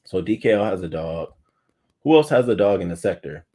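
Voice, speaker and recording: A man in his thirties hosting a livestream morning show, chatting loosely with profanity and sudden loud bursts into a webcam mic. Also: sits low, a little fast, slightly rough. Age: 30s. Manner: loose, profane and animated, often bursting louder. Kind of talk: casual livestream chat.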